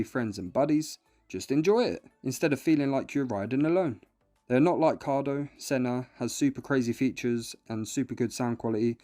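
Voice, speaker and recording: Over a music bed, a man with a mid-range, dark-toned voice reads a scripted product review, walking through it step by step like an instruction guide.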